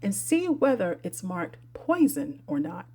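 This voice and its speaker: A woman acts out a curious young storybook girl, full of fancies and talking to herself. The voice is lively in pitch with a mellow, slightly husky tone. She muses and reasons with herself in earnest. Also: a little slow, full character voice. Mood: cautious. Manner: musing, self-scolding.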